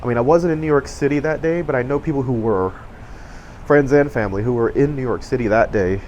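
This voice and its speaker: A man's voice: medium pitch, a little fast, a little mellow, lo-fi sound, a little hiss or hum. A middle-aged man from Southern California telling a personal memory to camera, rambling with fillers and self-corrections, getting emotional as he talks. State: emotional, choking up. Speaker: vlogger.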